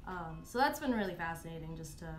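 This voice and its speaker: A woman's voice: on the low side, animated, fast, faint music behind. A young woman from Michigan talking casually as an interview guest, with frequent "like" and "you know" and easy laughter. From Southeast Michigan, USA. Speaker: guest, anti-racism educator. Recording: echoey room with faint noise.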